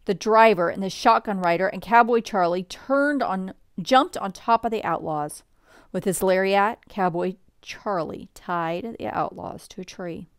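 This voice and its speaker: A woman reading a children's storybook aloud at bedtime, with expressive shifts for the quoted lines. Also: medium pitch, measured pace, smooth, dry recording, clean studio sound. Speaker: storybook reader.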